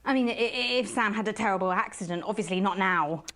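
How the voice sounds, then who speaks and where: A woman voicing a posh female TV news anchor in a game, smooth on air but awkward and pleading underneath. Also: mid-range voice, fast, lightly acted. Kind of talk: scripted game voice acting.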